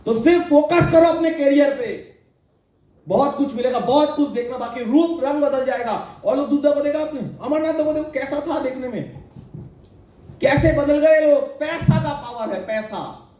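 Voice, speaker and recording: A man's voice: extremely high pitch, moderate pace, mellow, recorded from a distance. Middle-aged man preaching in an echoey hall. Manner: preachy, asks the crowd questions, jokes. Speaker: motivational speaker addressing a sales team. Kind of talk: motivational talk to an audience.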